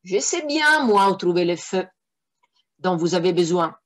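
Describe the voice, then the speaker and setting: A crafty old saint bluffs his way past devils with cheerful self-importance, as a woman reader voices him. His lines ride up into a lighter, lively tone. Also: on the low side, a little slow. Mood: knowing. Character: Saint Anthony, crafty confident old holy man.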